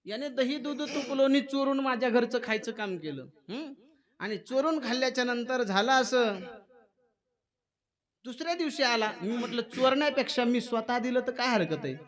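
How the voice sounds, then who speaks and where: A man preaching a devotional kirtan, telling the story in an animated way and acting out the quoted voices. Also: very high-pitched, normal speed. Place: temple hall. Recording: live kirtan with music behind.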